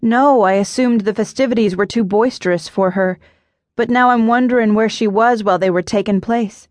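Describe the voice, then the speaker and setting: A woman voicing a kind, earnest young woman who runs a pie shop and speaks softly. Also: a little high, normal speed, dry recording, studio quality, natural voice.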